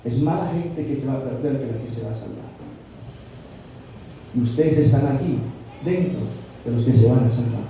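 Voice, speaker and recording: A man's voice: medium pitch, normal speed, pauses often, recorded from a distance. A man preaching a sermon as a pastor, asking his listeners questions and raising his voice for emphasis. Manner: preaching with rhetorical questions and sudden loud peaks. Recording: echoey room, off-mic, faint background noise.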